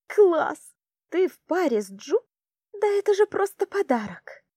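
A woman performs a mischievous young female spirit living in someone's head. She talks in a bouncy, playful, cocky way with a raised, mellow voice. The sound is dry and close. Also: fairly high pitch, expressive, a little slow, no room sound. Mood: gleeful. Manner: playful, self-assured, bouncy.

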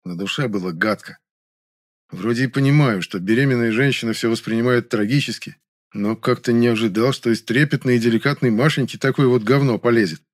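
A man reads a first-person story aloud. His pitch sits in the middle and his delivery is calm with a wry edge. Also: brisk, dry recording, studio quality. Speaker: audiobook narrator. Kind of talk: first-person audiobook narration.

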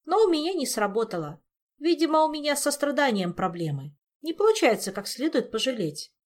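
A woman's voice: high voice, sing-song, a little fast, voice pushed up. Woman doing a stern, reasoning queen. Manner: frowning, matter-of-fact.

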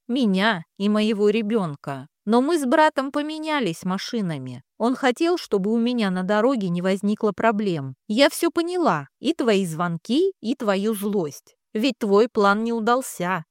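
A woman's voice: mid-range voice, no room sound, clean studio sound, natural voice. A woman voicing a distraught young woman in an audiobook, speaking in emotional outbursts.

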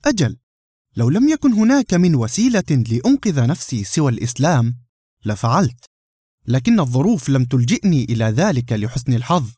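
A man's voice: fairly high pitch, dark tone, slightly rough, no echo, clean studio sound. Man voicing an anxious middle-aged barber.

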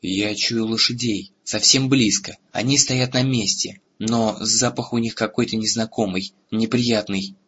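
A man voicing a calm, watchful she-dragon. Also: on the low side, measured pace, few pauses, slightly rough, highs cut off. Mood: wary.

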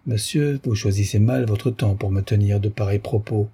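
A man's voice: on the low side, normal speed, dark tone, husky. A man reading the part of a proud young woman firmly rebuffing a suitor in a period novel. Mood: firm reproach. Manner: firm, reproachful.

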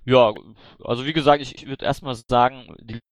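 Another party board candidate fields questions casually in an online voice chat, stumbling through fillers and restarts. He has a mid-range, steady voice at a moderate pace, recorded without echo.

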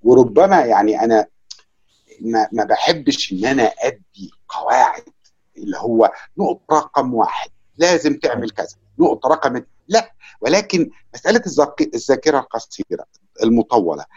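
A man with an Egyptian accent speaks about his work as an interpreter in an unhurried, reflective way, pausing on fillers. His voice is husky, and the recording sounds dull and lo-fi. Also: mid-range voice, big pitch swings, a little mellow. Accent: Egyptian Arabic. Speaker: conference interpreter giving a talk. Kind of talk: lecture and casual Q&A.

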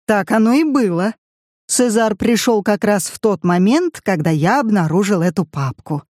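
A man's voice: high-pitched, animated, moderate pace, a little mellow, no room sound, voice pushed up. A reader voicing a drunk, sarcastic middle-aged man who mocks his relatives, in a dry audiobook recording. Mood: sly. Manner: mocking, bitter jabs.

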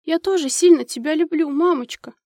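A woman voicing a little girl who misses her mother, in a high childlike pleading voice. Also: animated, unhurried, darkish tone, no room sound, studio quality. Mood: tearful.

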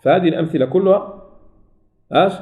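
High-voiced sheikh drilling recitation. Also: male voice, phone-quality sound. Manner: explains step by step, asks and answers his own questions; repeats and drills example words slowly. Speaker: sheikh teaching Quran recitation rules. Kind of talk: recorded tajweed lesson.

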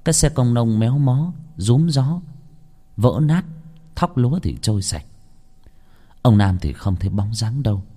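A man narrating a ghost story in a dramatic, expressive storytelling manner. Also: mid-range voice, measured pace, pauses often.

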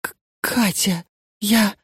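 A woman's voice: on the low side, lively intonation, normal speed, warm tone, no echo, studio quality. A woman reading an audiobook and voicing a distraught young woman who pleads frantically and breathlessly. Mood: tearful.

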